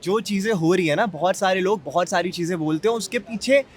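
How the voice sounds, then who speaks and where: A young man with a fairly high voice, speaking in a calm, considered way. He weighs his words and drops English phrases into everyday speech. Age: young adult. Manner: measured, mixes English into speech. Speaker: interviewee. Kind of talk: casual street opinion.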